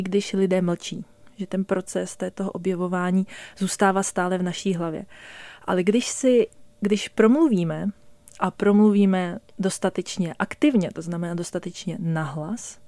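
A woman who works as a voice teacher explains her method in a measured, deliberate way. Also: mid-range voice, mellow, no echo. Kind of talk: explanatory talk.

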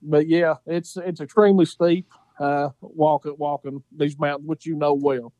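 A coon hunter with an Appalachian accent joins a podcast as an interview guest, casually telling hunting stories in a folksy way and repeating phrases for emphasis. His voice runs on the high side, warm but flat, at normal speed. There is no echo.

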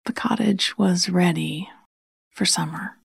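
A woman speaks in a hushed, airy half-whisper, unhurried and calming. Her voice is low and gravelly at the edges. The sound is close and dry, with no room around it. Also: no echo. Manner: slow, soothing, gentle. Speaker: sleep podcast host and storyteller. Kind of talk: soft bedtime story narration.

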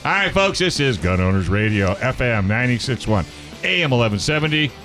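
A man's voice: medium pitch, big pitch swings, brisk, fairly bright tone, faint music behind. A man hosting a radio talk show, chatting casually and reading sponsor spots.

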